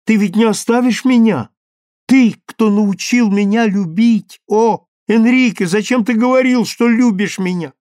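A man voicing a passionate, lovestruck young woman in an audiobook, speaking in a high, imploring voice. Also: unhurried, a little mellow, no echo, studio quality. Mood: desperate pleading.

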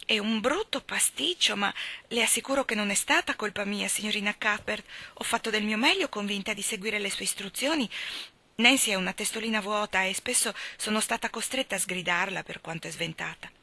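A woman's voice: mid-range voice, fairly quick, bright, forceful tone. A woman reading a novel aloud, voicing a kindly, fussy, easily flustered middle-aged housewife who exclaims and apologizes. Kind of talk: audiobook reading.

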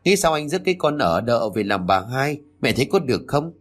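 A man's voice: big pitch swings, a little fast. A jealous young wife who scolds and wails, her voice swinging up and down, as a man reads her part. She flares up easily and sounds hurt in a storybook telling. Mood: wailing. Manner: shrill, scolding and tearful. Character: jealous, shrill young wife, quick to fury.

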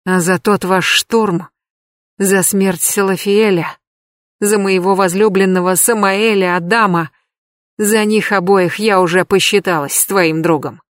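A woman's voice: medium pitch, steady tone, unhurried, no room sound, studio quality, natural voice. A woman reading an audiobook, voicing a vengeful, fanatical mother who speaks in a hollow, menacing tone. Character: vengeful fanatical middle-aged mother, cold and hateful.

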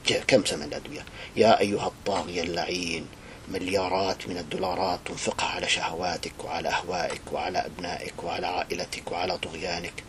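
A fervent male preacher speaks in a somewhat low voice. He moves from hushed lament to loud, indignant outbursts. A faint rumble sits under the recording. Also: fast. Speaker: Islamic preacher. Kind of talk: impassioned religious address.

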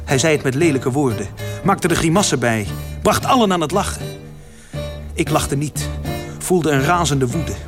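A man reading a first-person literary story aloud as narrator, with dramatic delivery that swells in its louder passages. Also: a little high, expressive, moderate pace, pauses often, over music.

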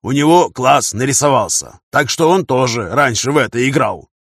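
A man voicing a loud, gruff older male partisan veteran who barks his words and keeps using a folksy catchphrase. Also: medium pitch, animated, normal speed, no room sound, clean studio sound.

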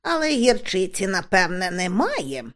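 Woman doing a brisk cheerful old witch. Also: mid-range voice, sing-song.

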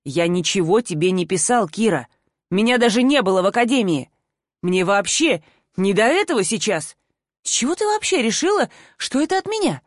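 A woman's voice: mid-range voice, very animated, normal speed, no echo. Female narrator doing a stern, worn-out man who scolds harshly, audiobook reading, dry close sound. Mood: weary. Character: stern tired man scolding a young woman.

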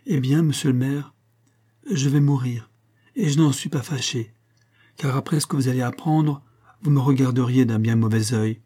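A man's voice: medium pitch, moderate pace, mellow, slightly rough, close to an everyday voice. A man reading aloud voices a feverish, dying young country woman who speaks earnestly and breathlessly.

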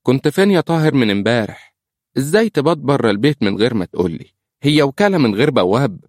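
A man's voice: medium pitch, expressive, quick pace, no echo, clean studio sound, pitched above the performer's own voice, lightly acted. A man voicing a scolding elderly grandmother in an Egyptian accent, in an audiobook. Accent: Egyptian Arabic. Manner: sharp, reproachful.

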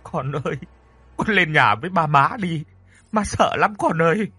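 A man's voice: on the high side, animated, normal speed, sharp tone, husky, no echo, pitched above the performer's own voice, heavily acted. A man voicing a frightened older mother, pleading and sobbing.

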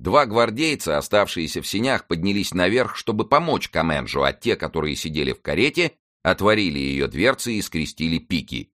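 A man reading a classic novel aloud as an audiobook narrator, expressive and lively. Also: sits low, brisk.

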